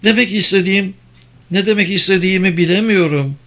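Brief: man doing a shaken young woman, pitched up high, bright and pleading, sometimes loud. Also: a little fast. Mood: anxious, tearful. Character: frightened tearful young woman. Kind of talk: audiobook character voice.

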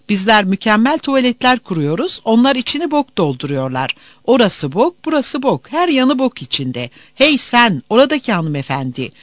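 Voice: mid-range voice, no room sound, studio quality, pitched above the performer's own voice, close to an everyday voice. A reader voicing a contemptuous male border customs officer who barks orders and sneers at travelers, in an audiobook. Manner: barking, sneering, scornful.

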